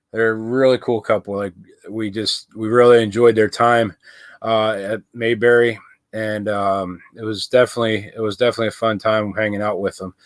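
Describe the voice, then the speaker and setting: A man's voice: on the low side, no room sound. Man, rambling livestream host, lots of ums and restarts, dry close sound. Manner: rambling, many fillers and restarts. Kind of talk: casual live chat. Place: inside an RV.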